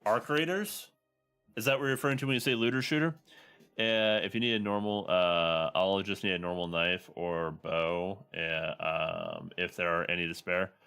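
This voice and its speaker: Low-voiced man chatting through a game stream. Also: expressive, moderate pace, sharp tone, clear, resonant tone, faint music behind. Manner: informal, chatty, thinking aloud. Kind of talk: casual livestream gameplay commentary, talking to chat.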